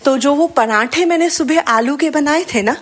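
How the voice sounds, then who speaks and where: A woman with a somewhat high voice tells a personal devotional story in an earnest, heartfelt way. She talks to the congregation directly and often slips into English phrases mid-sentence. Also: moderate pace. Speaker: devotee sharing an experience. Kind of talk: personal testimony at a satsang.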